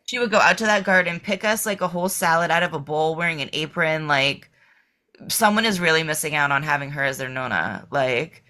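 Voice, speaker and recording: A woman from the Boston area, a podcast guest, chatting casually and telling animated, profane stories packed with "like". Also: low voice, brisk. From Boston area, Massachusetts. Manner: animated, profane storytelling full of "like". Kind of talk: casual chat.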